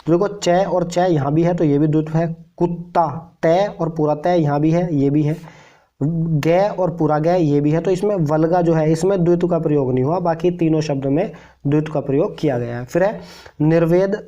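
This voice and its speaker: A man with a mellow, soft-edged voice teaches Hindi grammar for exam preparation. He talks patiently and repeats key points, checking in with his students again and again. He stretches vowel sounds out slowly when he demonstrates them. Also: fairly high pitch, dull audio. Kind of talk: classroom-style explanation.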